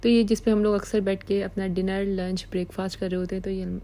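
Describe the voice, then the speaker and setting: Chatty Pakistani woman on a flat home tour. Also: medium pitch, fast talker, slight background noise, rough recording. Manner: chatty, affectionate, repeats words like "pyari si". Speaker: vlogger. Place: small apartment, indoors.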